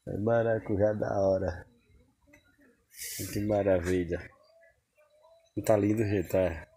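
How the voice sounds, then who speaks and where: Holding his phone camera as he walks, a vlogger from Northeast Brazil happily tours his sunlit backyard garden in a casual tone, saying "olha" and "que maravilha" again and again. He has a low, dark voice. Background noise comes through clearly in the outdoor phone recording.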